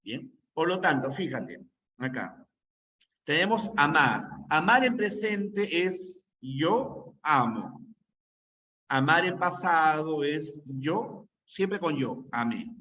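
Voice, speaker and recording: A man's voice: fairly high pitch, very animated, slow, pushed and bright, slight background noise. A man teaching a grammar lesson, repeating key points and often checking that listeners follow. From Peru.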